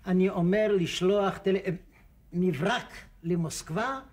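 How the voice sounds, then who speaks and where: High-voiced husky old rabbi. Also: male voice, darkish tone. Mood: urging. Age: older. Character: elderly bearded rabbi, earnest, insistent family friend. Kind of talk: televised period stage drama acting.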